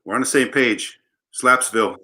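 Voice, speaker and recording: Mid-range and moderately paced, this man's voice is bright and forceful. A guest bassist from Los Angeles, he's on a livestream for a casual interview chat, full of playful jokes and meandering stories.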